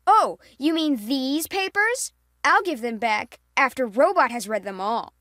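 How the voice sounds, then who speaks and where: An actor voicing a scheming, boastful boy mad scientist in an animated video game, with theatrical, gloating villain menace. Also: high-pitched, unhurried, no room sound, clean studio sound, full character voice.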